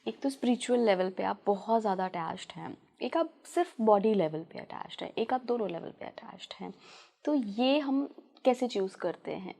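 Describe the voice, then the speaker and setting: A woman's voice: mid-range voice, lively intonation, moderate pace, vocal fry, warm tone. A woman hosting a podcast, asking the guest long, detailed questions and politely addressing her as ma'am. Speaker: podcast host, interviewer.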